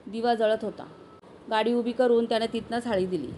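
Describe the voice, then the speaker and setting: A woman reading a short story aloud, steady and expressive as a storyteller. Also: fairly high pitch, a little fast, a little hiss or hum.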